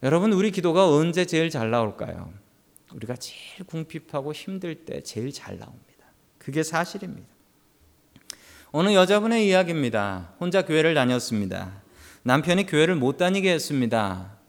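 A man's voice: on the high side, sing-song, moderate pace. A male pastor preaching a sermon, telling stories with humorous asides to the congregation.

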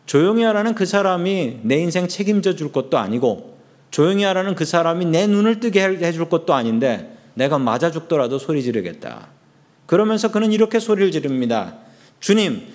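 A man's voice: on the high side, a little mellow. A man preaching a sermon as pastor, fervent and raising his voice for emphasis.

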